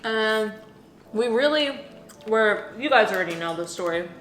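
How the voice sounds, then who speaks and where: A young woman from New Jersey, part of a couple vlogging team, tells a story in casual chat packed with "like" fillers. Her voice is a little high, expressive, and a bit bright, paced in a measured way, with reverb and slight background noise.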